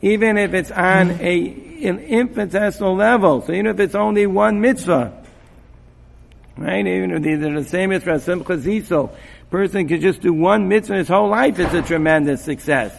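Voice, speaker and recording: A man giving an informal Torah talk to students, halting with many restarts and repeated words, and peppering his speech with Hebrew and Yiddish terms. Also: high voice, creaky, big-room sound, a little hiss or hum. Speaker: rabbi giving a mussar talk.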